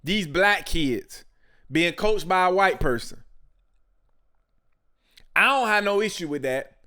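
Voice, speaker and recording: A man's voice: high-pitched, lively intonation, takes it slowly, bright, forceful tone. A man hosting a podcast, giving blunt, emphatic commentary full of street slang. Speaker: podcast host. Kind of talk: casual commentary.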